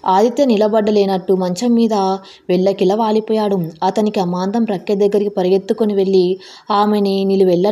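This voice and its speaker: Woman narrating a story, mellow voice. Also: medium pitch. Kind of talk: scripted narration of an audio story.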